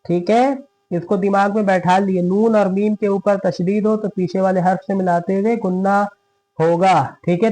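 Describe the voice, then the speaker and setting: A man's voice: high voice, mellow, rough recording. A male Quran teacher giving a tajweed lesson. He stresses the doubled letters, repeats words and corrects himself as he reads verses. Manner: explains quickly in Hindi, recites verses slowly and drawn out. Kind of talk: tajweed lesson with slow recitation.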